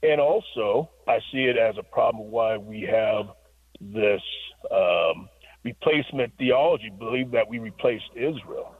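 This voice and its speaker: A man's voice: lowish voice, a little slow, breathy edge, no echo. A man calling in to a radio show over a phone line, talking earnestly at length and quoting scripture. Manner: earnest, talkative, quotes scripture. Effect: heard over a phone line on the radio. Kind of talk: caller on a call-in radio show.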